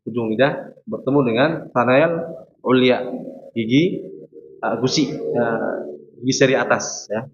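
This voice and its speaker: A man, teaching a Quran pronunciation class at a slow, unhurried pace and modelling each letter sound again and again for his students. His voice is of middling pitch. The recording is dull and lo-fi, with a faint hiss underneath. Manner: patient, repeats sounds for students to copy. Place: mosque hall.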